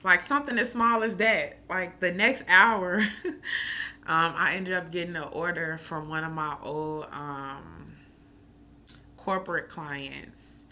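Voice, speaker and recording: A woman from Chicago, a chef and mother of a school-age son, talks candidly and emotionally in a casual personal vlog, rambling with many fillers. Her voice is on the low side, with a steady tone, slow pace, and a pushed, bright quality, plus slight background noise.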